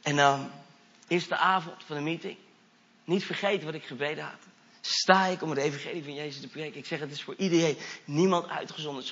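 An evangelist preacher with a high, bright voice tells a sermon testimony story with eager, animated energy, slipping English phrases into it. The recording sounds dull and lo-fi.

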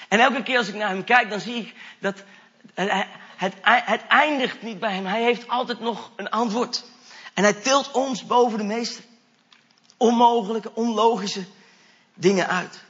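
A man preaching, telling a story from his travels with eager, animated energy and English phrases mixed in. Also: sits high, measured pace, highs cut off. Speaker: evangelist preacher. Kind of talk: sermon testimony storytelling.

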